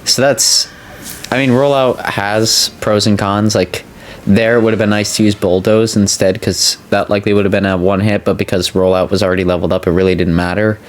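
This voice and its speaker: A man's voice: lowish voice, steady tone, a little fast, slight background noise. A man giving casual video game commentary, talking a little carefully with a sore mouth after having a wisdom tooth out. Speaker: video game let's player. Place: indoor voice-over recording.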